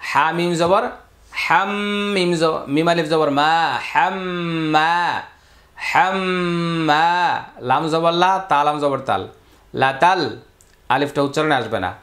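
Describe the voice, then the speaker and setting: A man teaching Quran reading in a Bangladeshi Bengali accent, spelling out letters and vowel marks, then chanting the words slowly. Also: on the high side, fairly bright tone. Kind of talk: step-by-step recitation lesson.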